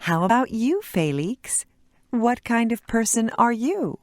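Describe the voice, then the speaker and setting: A woman voicing a friendly English teacher addressing her class in a scripted textbook recording, speaking clearly and deliberately. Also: on the high side, big pitch swings, dry recording, studio quality, exaggerated voice. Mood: warm.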